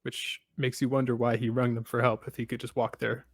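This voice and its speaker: Male podcast host, casual recapper with deadpan asides, dry close sound. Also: mid-range voice, brisk, dry recording. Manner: steady storytelling with dry asides.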